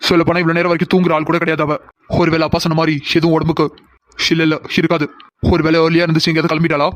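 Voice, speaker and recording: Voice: medium pitch, monotone, racing, no echo. A voice actor playing several cartoon characters, teasing and chatty. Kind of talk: cartoon voice acting.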